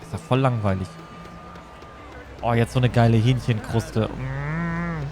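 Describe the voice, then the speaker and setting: A man doing casual livestream game commentary, rambling and thinking out loud. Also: medium pitch, animated, a little slow, over music. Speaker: game streamer. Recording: clear background noise.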